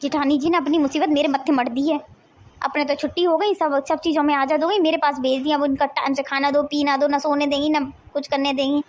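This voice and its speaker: Woman doing a squeaky high snappy young bahu, lazy and rude, cartoon. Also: steady tone, fast, lightly acted. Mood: grumbling. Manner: snappy, grumbling.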